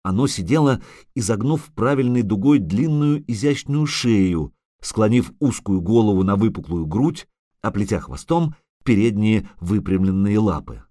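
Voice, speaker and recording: A man narrating a fantasy audiobook in an expressive, measured storytelling manner. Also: fairly low pitch, no room sound, studio quality.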